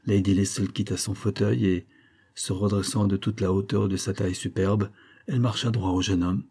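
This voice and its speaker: A man reading a classic novel aloud in a measured, dramatic narration. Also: on the low side, flat delivery, dark tone, breathy edge. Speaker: audiobook reader.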